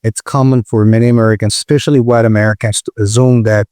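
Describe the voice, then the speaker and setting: A man from the Republic, hosting his own channel and explaining in a measured way with frequent pauses. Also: fairly low pitch, steady tone, a little mellow, smooth, no echo, clean studio sound. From Dominican Republic. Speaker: video host. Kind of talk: explanatory commentary.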